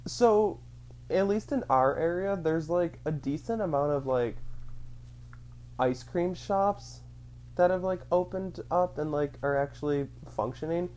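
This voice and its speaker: Someone with a medium-pitched, darkish voice talks unhurriedly with a friend in a casual, story-filled chat, and the recording sounds muffled. The conversation wanders and is full of fillers. The speaker also acts out their own thoughts as little quotes.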